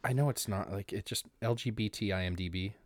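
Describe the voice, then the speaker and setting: A man co-hosting a casual podcast, joking in a deadpan way with absurd bits. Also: on the low side, brisk, no echo, clean studio sound. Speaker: podcast co-host. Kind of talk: casual chat.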